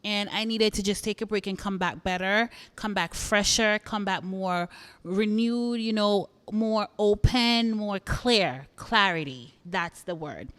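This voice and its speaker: A woman's voice: mid-range voice, measured pace, a bit bright, clear, resonant tone, no echo. A young adult woman from Jamaica hosting a podcast, chatting casually with listeners, laughing easily and repeating phrases for emphasis. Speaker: podcast host.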